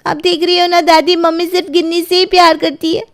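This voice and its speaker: A woman's voice: very high voice, level tone, brisk, fairly bright tone. A woman voicing a sulky, whiny eight-year-old girl in a cartoon storybook.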